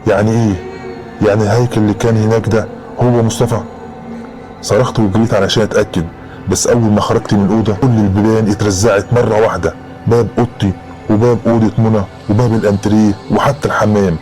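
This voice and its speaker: A man's voice: on the low side, little pitch movement, quick pace, a little mellow, faint music behind. A man with an Egyptian Arabic accent narrating a horror story in the first person, in a dramatic storytelling style.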